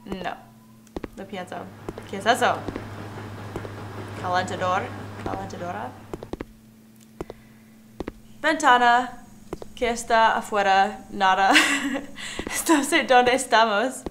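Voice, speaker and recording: Slow-talking young woman playing a game. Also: medium pitch, background noise. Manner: talks to objects in the game, nervous giggles. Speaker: gamer. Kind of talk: let's play commentary.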